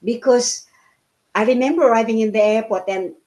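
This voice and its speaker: In a rough recording, a Tagalog-speaking woman from the Philippines in her fifties describes her life in an informal interview. Her voice sits on the high side, brisk and a bit mellow, and her chatty speech keeps circling back through fillers and fresh starts.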